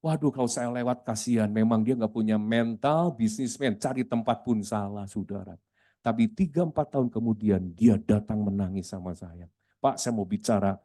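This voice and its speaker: A man's voice: fairly low pitch, moderate pace. A middle-aged man, a pastor telling stories in a sermon and often addressing the congregation. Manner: lively storyteller, keeps addressing the congregation. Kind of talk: sermon storytelling.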